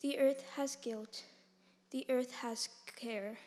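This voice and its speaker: A young woman in her late teens reciting a poem with slow, pausing delivery. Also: a little high, fairly even intonation, a little mellow. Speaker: student reciter. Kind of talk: formal poetry recitation. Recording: long hall reverb.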